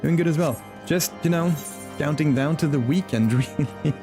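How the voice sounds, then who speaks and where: A native Flemish speaker streams with game music in the background, chatting sociably with viewers, greeting them by name and laughing often. His mellow voice sits fairly high and moves at a normal speed.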